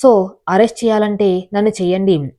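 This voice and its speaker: A woman's voice: mid-range voice, steady tone, normal speed, dark tone, close to an everyday voice. A woman voicing a firm, protective elder brother who runs a company, in a read-aloud story. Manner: firm, commanding.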